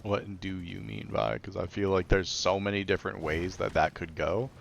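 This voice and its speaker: Low-voiced streamer man chatting loosely. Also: little pitch movement, normal speed, vocal fry, a little hiss or hum. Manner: rambling, heavy use of "like". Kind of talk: casual chat on a live stream.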